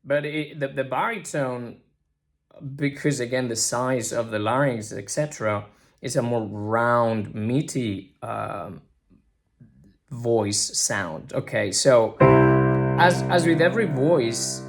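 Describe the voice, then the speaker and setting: Male singing teacher, Italian native speaker, slow and halting talk, simple mic, faint music underneath. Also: medium pitch, vocal fry. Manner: halting, many restarts, drawls words, breaks into sung notes. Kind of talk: casual spoken lesson with sung examples. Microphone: simple microphone.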